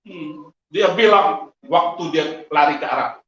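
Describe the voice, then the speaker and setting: A man, a pastor, preaching a testimony sermon with animated storytelling, frequent laughter and sudden high exclamations. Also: unhurried. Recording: echoey, distant, lo-fi hall sound.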